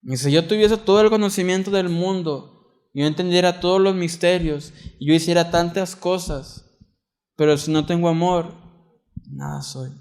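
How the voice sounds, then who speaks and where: A young adult man with a Mexican accent preaching a sermon in a church, earnest, moving from loud emphatic reading to soft quiet asides. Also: high-pitched, moderate pace. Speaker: pastor.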